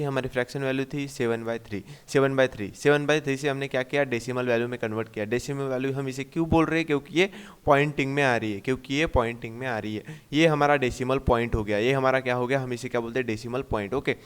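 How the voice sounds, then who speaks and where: एक पुरुष गणित शिक्षक, मराठी लहजे वाली हिंदी में, हर कदम दोहराते हुए खुद सवाल पूछकर खुद जवाब देता है और अंग्रेज़ी गिनती मिलाता है।. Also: male voice, medium pitch, smooth. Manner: repeats steps, asks and answers himself; mixes English number words into Hindi. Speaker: math teacher. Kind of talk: classroom-style math lesson.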